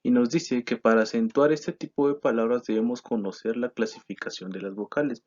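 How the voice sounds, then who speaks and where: A man's voice: mid-range voice, fairly quick. Man explaining grammar. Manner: steady explanatory delivery with frequent "eh" and self-corrections. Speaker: teacher presenting a grammar lesson. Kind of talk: explanatory lesson reading from slides. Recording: slightly dull lo-fi sound.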